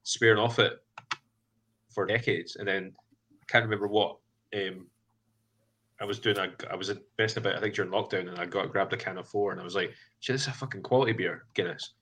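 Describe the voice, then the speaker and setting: A man's voice: deep voice, fairly quick, sharp tone, breathy edge. A Scottish man hosting a casual podcast chat, rambling a little and often hesitant. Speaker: podcast host.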